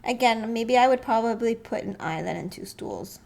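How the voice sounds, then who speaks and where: A woman with a fairly high voice talks through floor plans in a loose, conversational way. She thinks aloud with frequent pauses and small chuckles. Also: creaky, a little mellow. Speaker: real estate vlogger. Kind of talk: casual walkthrough commentary.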